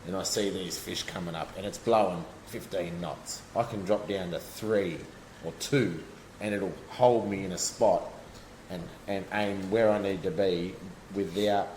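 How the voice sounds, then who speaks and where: A man with a low Australian voice talks casually and rambles through his fishing method, restarting sentences as he goes. The room is echoey, with a faint hiss of noise underneath. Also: fairly even intonation, measured pace, darkish tone. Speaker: guest angler. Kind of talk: casual chat.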